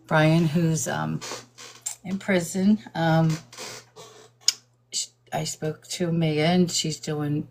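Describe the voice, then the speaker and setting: Low-voiced older woman chatting slowly. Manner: chatty, laughs often, greets viewers by name; admits nervousness about reading aloud. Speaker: host of a live stream. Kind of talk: casual live-stream chat.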